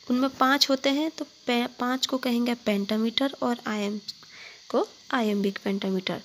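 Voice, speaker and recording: Woman teacher explaining poetry, reads definitions slow then explains, bit of background noise. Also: on the high side, poor audio. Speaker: literature teacher. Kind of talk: explanatory lecture mixing Hindi and English.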